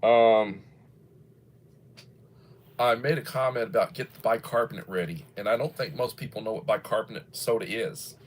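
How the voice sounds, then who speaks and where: A man in his early sixties hosts a livestream, reading viewers' comments out loud in a chatty, folksy, meandering style. His pitch is fairly low, his pace moderate, and he leaves long pauses.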